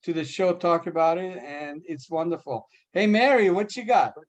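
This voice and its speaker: A man's voice: fairly high pitch, normal speed. A man hosting an online round table, rambling enthusiastically with many fillers. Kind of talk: casual video-call chat.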